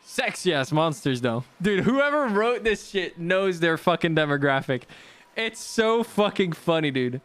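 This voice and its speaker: A man's voice: on the high side, very animated, a little slow, a bit bright. A man streaming a game, switching between casual, sweary commentary and dramatic read-aloud narration. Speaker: streamer playing and voice-acting a game. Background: background music.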